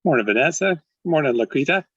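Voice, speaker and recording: A husky-voiced man presides over a club meeting held on a video call, trading easy small talk and welcoming each member by name. His words come through dull and lo-fi, and they sound close and dry with no room around them. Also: on the high side, animated, quick pace, fairly bright tone, no echo. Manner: chatty, greets members by name, laughs often. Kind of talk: casual chat.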